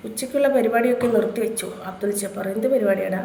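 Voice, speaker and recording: A woman's voice: a little high, fast, vocal fry, mellow. A woman from Kerala, chatting casually on a live stream and trading crude insults with viewers. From Kerala, India. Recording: echoey room, faint background noise.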